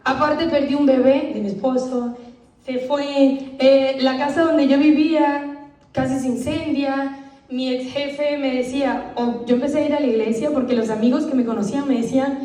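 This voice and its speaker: A woman's voice: high voice, steady tone, normal speed, mellow. A woman giving an earnest, emotional personal testimony to a church congregation. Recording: echoey room, voice from far off.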